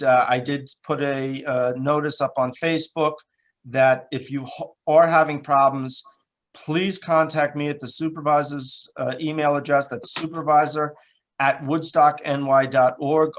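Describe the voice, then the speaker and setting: A man serving as town supervisor, chairing a board meeting over a video call in a plain, halting way with many fillers. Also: fairly high pitch, level tone.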